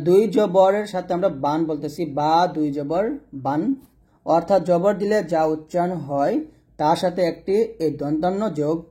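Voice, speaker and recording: A man leads a Quran reading lesson in a soft, mellow voice. He breaks each letter sound into slow, careful syllables and repeats the drill patiently. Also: on the high side. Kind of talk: pronunciation lesson.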